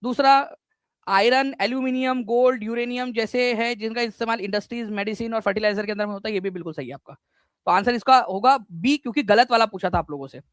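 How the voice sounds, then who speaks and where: High-voiced energetic male teacher, dry mic. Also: fast talker, no room sound. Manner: energetic, repetitive, quizzing students, mixing in English. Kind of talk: live online exam-prep class.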